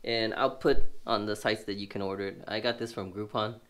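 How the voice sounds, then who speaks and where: Sitting indoors at a table, a tech reviewer with a stuffy, sniffly voice narrates a gadget unboxing, rambling with many fillers as he thinks aloud while handling the box. His voice is lowish, steady, brisk, a bit bright, and clean.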